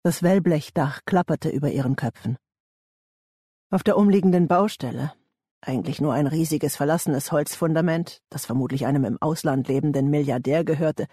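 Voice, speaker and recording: Male audiobook narrator, thriller reading, husky and a touch high, dry close sound. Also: mellow, dry recording.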